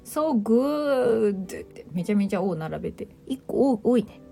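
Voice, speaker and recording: A woman's voice: mid-range voice, expressive, unhurried, gravelly, warm tone, faint music behind. A woman hosting a casual livestream, chatting playfully, teasing listeners as she reads their comments and mixing in English phrases. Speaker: livestream host.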